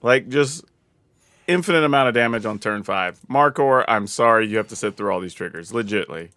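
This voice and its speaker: A man from the American South commenting casually on his own card game, thinking aloud and getting excited over big plays. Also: on the low side, a little fast, no echo. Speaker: gameplay commentator.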